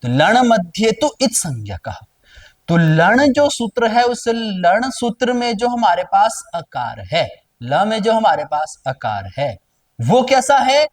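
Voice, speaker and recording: A man's voice: high voice, far from the mic. A man teaching a grammar lecture, explaining rules step by step, repeating key terms and posing questions he then answers himself.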